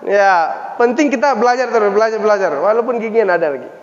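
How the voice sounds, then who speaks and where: A man teaching Quran pronunciation, repeating syllables slowly for students to copy. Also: sits high. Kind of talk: classroom lesson on pronunciation. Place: mosque hall. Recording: echoey hall, dull lo-fi sound.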